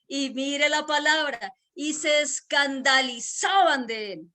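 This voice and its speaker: A woman with a Boyacá Colombian accent delivers a virtual church sermon in a high, slow, pushed and bright voice. She preaches emphatically, repeating key words and posing questions to her listeners.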